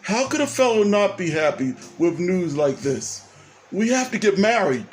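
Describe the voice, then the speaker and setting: A man reading aloud and voicing an eager, devoted young man in love, speaking with excitement. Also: sits high, normal speed, soft background music. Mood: overjoyed. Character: young man, joyful, devoted and bubbly lover.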